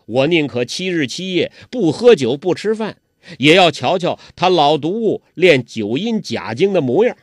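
A man's voice: on the high side, big pitch swings, normal speed, breathy edge, no echo, clean studio sound. A man voicing an old male beggar martial arts master with coarse, scolding, chuckling speech. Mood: gruff, scheming.

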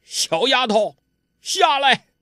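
A man's voice: very high voice, big pitch swings, slow pace, bright, forceful tone, no room sound, studio quality, voice pushed up, full character voice. A man barking as a domineering older villain. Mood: bullying, threatening. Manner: barking orders, threatening.

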